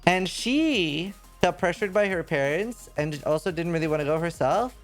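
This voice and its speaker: A man's voice: fairly high pitch, expressive, normal speed, soft background music. A man from Norway, a game streamer rambling in casual chat, full of fillers and restarts.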